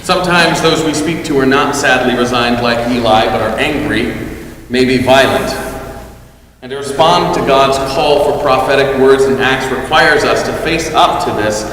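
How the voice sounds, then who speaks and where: A man's voice: medium pitch, normal speed, fairly bright tone, slight background noise. A man preaching a sermon with wry, self-deprecating humor. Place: church sanctuary. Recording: echoey church hall, distant mic.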